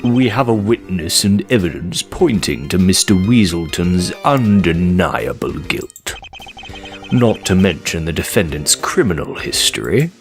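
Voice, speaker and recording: A man voicing a formal, self-assured courtroom prosecutor from a video game in a measured, pompous way. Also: low voice, big pitch swings, faint music behind, full character voice. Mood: confident.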